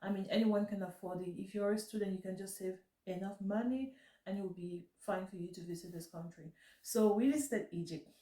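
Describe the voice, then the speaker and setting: Talking a little fast at a medium pitch, this vlog host has a mellow, soft voice and a congested, blocked nose that forces her to mouth-breathe while speaking. She rambles casually to viewers and corrects herself, recorded in an echoey room on a distant mic.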